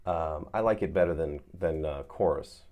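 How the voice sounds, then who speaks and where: A man hosts an off-the-cuff guitar effects tutorial, laid-back and rambling as he searches for words. His voice is a rumbling low at normal speed.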